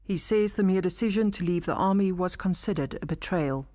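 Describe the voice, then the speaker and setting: A woman reading scripted documentary narration in a measured, formal way. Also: on the low side, mellow. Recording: voice-over with music beneath.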